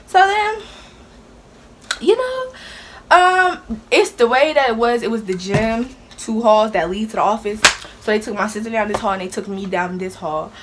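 A young woman telling a story on her vlog in a casual, animated way, dramatic and quick to laugh. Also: a little high. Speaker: vlogger. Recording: steady background hiss.

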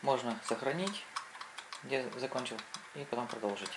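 A man giving casual gameplay commentary as a console reviewer, thinking aloud haltingly as he plays. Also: mid-range voice, lively intonation, background noise. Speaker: video game console reviewer. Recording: loud game music behind voice. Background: loud video game music.

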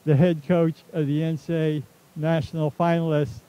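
Rambling man from Texas, dark tone. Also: fairly high pitch, flat delivery, normal speed, low-quality recording. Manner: rambling, chuckling, self-deprecating storyteller. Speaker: athletics director. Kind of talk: casual speech at a ceremony. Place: outdoor stadium.

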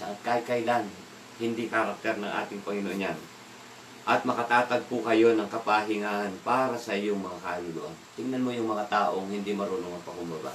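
A man's voice: on the low side, slight background noise. A man leading an evening devotional, talking in a casual way, asking the listeners questions and slipping in English words. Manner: asks the listeners questions, mixes in English words, laughs now and then. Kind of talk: conversational Bible devotional talk. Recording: echoey room, voice from a distance.

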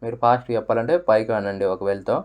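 Telugu guy doing a quick phone app tutorial, repeats menu words back, talks fast. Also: fairly low pitch, fairly even intonation, a little mellow. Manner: repeats screen-reader words aloud. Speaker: tutorial presenter. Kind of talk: screen-reader app tutorial.

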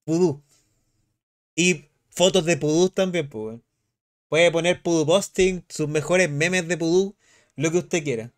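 A man's voice: on the high side, unhurried. A young man with a Chilean accent, chatting casually on a live stream and reading chat aloud. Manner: animated, slangy, reads chat aloud.

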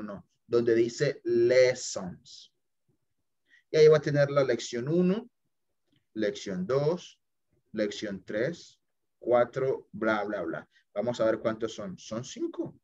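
With a mid-range, slightly mellow voice, a man leads an English lesson via video call, sharing his screen to guide students through an app. He chats freely, uses English phrases, and keeps asking "listo?" and "ok?". The call audio is dull and lo-fi.

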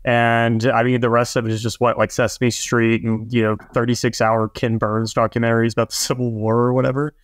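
A man's voice: mid-range voice, little pitch movement, a little fast, hardly any pauses, dry recording, clean studio sound. A man co-hosting a podcast, rambling casually with frequent laughs and filler words. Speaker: podcast co-host. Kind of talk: casual panel chat.

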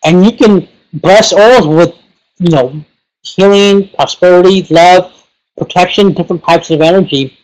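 A man's voice: high-pitched, unhurried, darkish tone, poor audio. A man giving a casual webinar lesson, rambling and leaning heavily on fillers like "you know" and "like". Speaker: pranic healing teacher.

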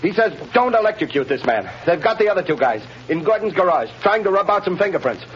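An actor playing an excited prison guard bringing urgent news in a 1930s radio drama, breathless and rushed. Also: male voice, high voice, faint music behind. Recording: muffled old radio broadcast.

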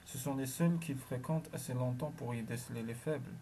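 A man reading the part of a sardonic sea-dwelling telepath in an audiobook, chiding and ironic, with a mellow, dark tone. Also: medium pitch, a little fast, slight background noise, lightly acted.

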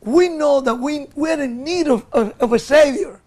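A man's voice: very high-pitched, normal speed, darkish tone. A middle-aged man co-hosting a TV panel discussion in a studio, speaking earnestly and backing the others with short affirmations. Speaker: co-host. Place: TV studio set at a desk.

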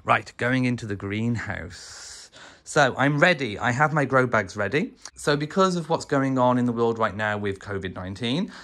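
A man's voice: medium pitch, normal speed, fairly bright tone, no echo. Chatty young man touring his garden. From England. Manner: chatty, enthusiastic, thinks aloud with ums and restarts. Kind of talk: casual walking garden tour. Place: outdoors in a home garden and greenhouse. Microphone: phone camera held in hand while walking.

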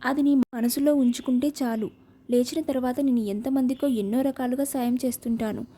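A woman's voice: high voice, fairly even intonation, moderate pace, mellow. A woman voicing a proud, wealthy young man in a storybook reading, speaking in a cool, dismissive way.

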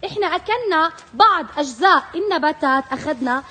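A woman teacher, leading young children in an energetic call-and-response lesson and calling out loudly to them. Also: high voice, quick pace. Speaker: kindergarten teacher. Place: classroom full of children. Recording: loud noisy classroom with chattering kids.

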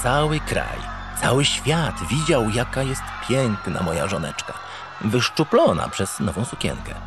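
Over music, a medium-pitched male voice with lively intonation speaks a little slowly, proud and doting. It's an actor portraying a naive, self-satisfied, fond spaceship captain who narrates a comic radio drama earnestly, theatrically and pompously.

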